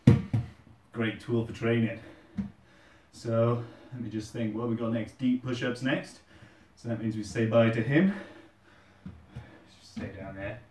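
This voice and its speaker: A man's voice: mid-range voice, a little mellow, a little hiss or hum. A British man hosting a casual workout vlog, chatting informally while he does push-ups. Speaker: host of a fitness challenge video. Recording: roomy echo, distant microphone.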